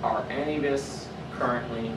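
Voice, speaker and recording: A man hosting a podcast, rambling through a rough rehearsal and telling the others what to say, with lots of fillers. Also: medium pitch, fairly even intonation, moderate pace. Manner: rambling, giving directions with fillers. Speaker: podcast host. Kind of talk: casual rehearsal chat. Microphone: far camera mic. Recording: roomy, distant camera mic with loud noise.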